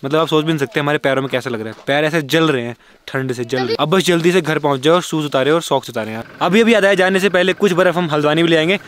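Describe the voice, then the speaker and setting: A young man vlogging casually, chatty and excitable, talking straight to his viewers. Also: a little high, very fast, clean tone. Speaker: travel vlogger. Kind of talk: casual vlog narration.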